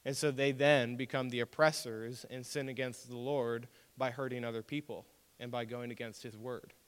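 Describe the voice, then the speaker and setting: A man's voice: mid-range voice, moderate pace, clear, resonant tone, long reverb tail. A young man, a youth pastor, chatting with students about chores and then preaching, telling stories with whiny acted-out quotes. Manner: animated storytelling with mock-whiny quoted voices. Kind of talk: youth group sermon.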